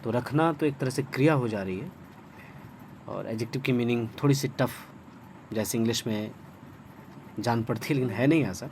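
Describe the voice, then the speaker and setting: A man's voice: medium pitch, moderate pace, pauses often, a little mellow, slight background noise. A man with an Indian accent teaching English vocabulary in an online lesson, spelling words letter by letter and repeating pronunciations patiently. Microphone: phone screen recording.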